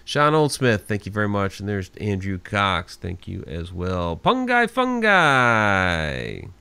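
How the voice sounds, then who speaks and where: A man in his forties hosts a live internet radio show, working through thank-yous to listeners in an easygoing, chatty way. His voice sits low, with a gravelly edge over a smooth, resonant tone. The sound is close and dry. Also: wildly swooping pitch, takes it slowly, bright, forceful tone, no echo. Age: 40s. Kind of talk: casual live-show sign-off chat.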